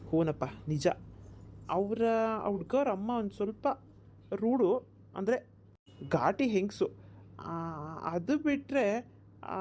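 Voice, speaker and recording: A woman voices a grown village son in a cartoon who talks his worried mother down. He explains patiently and reassuringly, in a mellow, dark tone. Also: mid-range voice. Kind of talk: cartoon voice acting.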